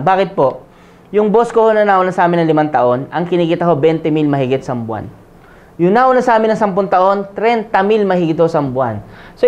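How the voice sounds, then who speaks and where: A man from the Philippines in his forties gives a motivational sales pitch, telling his own story and checking with the audience at every turn. He slips in jokes between points. The recording has a dull, lo-fi sound. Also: darkish tone. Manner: storytelling with jokes, often asks the audience "tama?". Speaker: business presenter. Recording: dull lo-fi audio.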